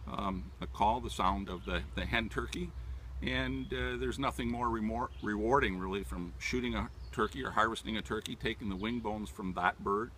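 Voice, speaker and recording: A man in his sixties giving an informal, halting demonstration as a hunting instructor, explaining things step by step. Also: lowish voice, fairly bright tone, a little hiss or hum. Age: 60s. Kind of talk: informal outdoor demonstration talk. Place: outdoors in leafy woodland. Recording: distant mic outdoors, natural background sounds.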